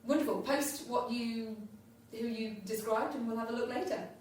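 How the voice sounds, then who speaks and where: A woman teacher wraps up a class in a warm, encouraging manner. She sounds far from the mic in a very echoey room. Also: on the high side, fairly even intonation, a little slow, slight background noise. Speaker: language teacher. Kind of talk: classroom wrap-up talk.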